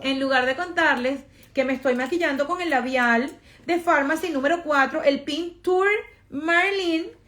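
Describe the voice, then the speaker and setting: In her get-ready-with-me vlog, an influencer with a Venezuelan accent addresses followers casually and emphatically, repeating phrases to drive them home. Her voice sits high and a bit bright, at normal speed.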